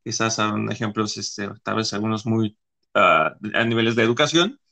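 Bright-voiced man hosting a podcast. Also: on the low side, normal speed, vocal fry. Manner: rambling, heavy filler words. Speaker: podcast host. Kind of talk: casual podcast talk.

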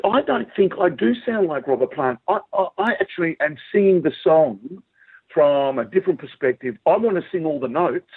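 Husky Australian man, tinny phone line. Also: fairly high pitch, moderate pace, dry recording. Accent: broad Australian. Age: middle-aged. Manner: animated storytelling, acts out quoted remarks. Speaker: singer, interview guest. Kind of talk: casual anecdotal interview chat.

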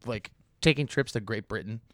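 A man's voice: on the low side, moderate pace. A man chatting casually, telling rambling stories with some swearing. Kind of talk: casual chat.

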